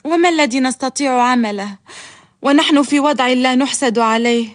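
A woman's voice: high voice, normal speed, natural voice. An actress playing a proud, teasing young orphan woman in a radio drama, with a theatrical, haughty delivery. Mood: complaining. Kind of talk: radio drama acting in formal Arabic.

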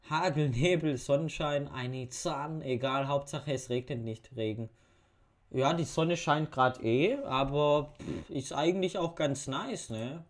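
A young man reading quiz questions aloud and muttering wry answers in a casual home video commentary. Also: on the high side. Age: young adult. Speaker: YouTuber. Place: bedroom at home. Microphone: webcam facecam.

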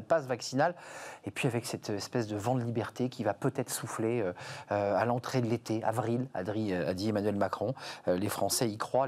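A man's voice: medium pitch, darkish tone. A man hosting a TV talk show, introducing topics and guests with frequent hesitations and fillers.

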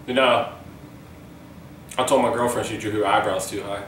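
A man's voice: lowish voice, fairly even intonation, normal speed, a bit bright. A young man telling jokes in casual banter with a friend, laughing readily and saying dude often. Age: young adult. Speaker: contestant in a try-not-to-laugh joke challenge. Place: living room couch, indoors. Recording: echoey room, distant mic, faint noise.

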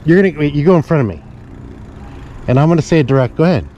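Talking very fast in a mellow, slightly high voice, a middle-aged man vlogs while riding on a suburban street. His chat to viewers is casual and meandering, sprinkled with jokes. The recording is dull action-camera audio with street noise outside.

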